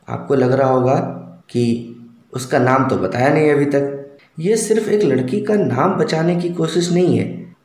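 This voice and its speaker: A man's voice: on the high side, darkish tone. A man telling a humorous personal story in a wry, slangy, casual manner. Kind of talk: spoken storytelling. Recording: roomy echo.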